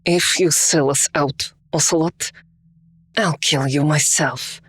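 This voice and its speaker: A man's voice: fairly high pitch, steady tone, takes it slowly, fairly bright tone, husky, full character voice. A man voicing a venomous woman soldier in a put-on Russian accent, bitter and sarcastic.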